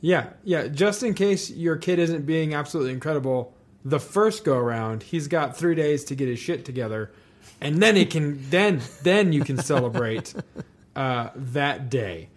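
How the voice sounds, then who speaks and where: A man's voice: a little high, lively intonation, moderate pace. A man co-hosting a podcast in casual chat, riffing playfully and laughing often. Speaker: podcast co-host.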